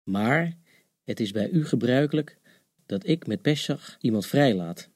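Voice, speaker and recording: A woman voicing a stern, questioning male Roman governor in a dramatized scripture reading, her voice pushed down low. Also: expressive, a little slow, a little mellow, husky, no echo, clean studio sound, full character voice.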